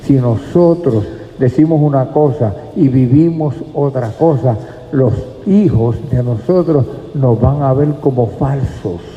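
Slow and dark-toned at medium pitch, a man delivers an emphatic church sermon, speaking to the congregation as his brothers. The recording is echoey and lo-fi with a dull sound.

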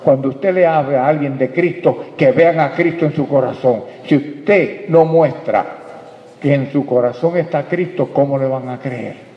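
A man's voice: mid-range voice, a little slow. Male pastor preaching, asks the congregation questions, echoey church hall, muffled lo-fi recording. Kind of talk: sermon. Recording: echoey hall, dull lo-fi sound.

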